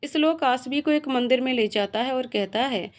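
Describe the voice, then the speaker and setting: A woman tells a romantic family story as a reader, carrying the narration in a steady storytelling voice. Her voice sits a little high for a woman. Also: moderate pace. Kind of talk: reading a romantic story aloud.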